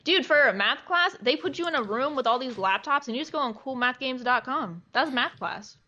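Chatty young woman, bright voice. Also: high-pitched, lively intonation, a little fast, dull audio. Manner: chatty, heavy use of "like" fillers. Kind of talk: casual storytelling chat.

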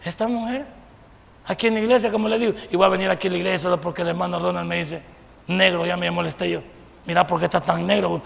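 Salvadoran pastor preaching, high voice, super gravelly, asks the crowd stuff and shouts sometimes, big church echo. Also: male voice, racing. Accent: Salvadoran Spanish. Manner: animated, rhetorical questions to the congregation, bursts of shouting. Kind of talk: sermon. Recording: long reverb of a church hall.

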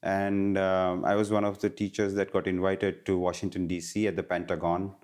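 Man, middle-aged, from India, earnest animated talk, frequent restarts, casual interview. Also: sits low, normal speed. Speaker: guest, wellness educator.

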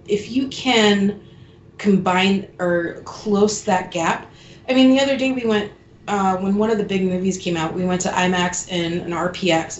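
A woman's voice: on the low side, a little hiss or hum. A woman chats casually, with easy filler words. Her voice carries a hollow, echoing, tunnel-like ring, as if she were lying back in a roomy space. The remote call picks up every echo. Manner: chatty, full of "like" and "um" fillers. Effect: echoing tunnel-like sound. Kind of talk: casual podcast chat. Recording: echoey remote call audio.

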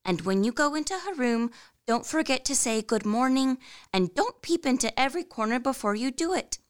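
A woman's voice: high-pitched, expressive, normal speed. A woman playing a fussing mother. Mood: cautioning. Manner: instructing, cautioning.

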